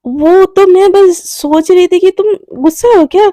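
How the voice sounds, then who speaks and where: A nervous young woman , put on by a storyteller, who stumbles over her words and keeps apologizing. Her voice sits high and soft-toned, recorded close and dry in a spoken storytelling video. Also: a little slow, no room sound. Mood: flustered. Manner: stammering, repeats herself nervously. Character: flustered apologetic young woman, eager to please.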